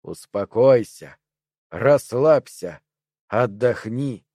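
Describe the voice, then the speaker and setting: A creeping, many-voiced parasite that coaxes and urges murder, each word drawn out slowly, as a man puts it on. The tone is soft, mellow and insistent in a dry, close recording. It belongs to a dark audiobook thriller. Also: no echo, natural voice. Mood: coaxing. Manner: slow, low, coaxing and insistent.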